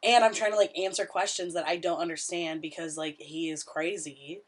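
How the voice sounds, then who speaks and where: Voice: medium pitch, fairly even intonation, normal speed. A young adult co-hosting a podcast, chatting casually with blunt, dramatic remarks. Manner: blunt, dramatic, frequent laughter. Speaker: podcast co-host. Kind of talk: casual chat.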